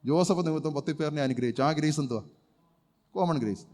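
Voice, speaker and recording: A man preaching at a rapid clip, his voice pitched a little high and ringing out with a long reverb through a church hall. He is a pastor delivering an emphatic sermon, asking rhetorical questions and breaking into loud shouts of praise.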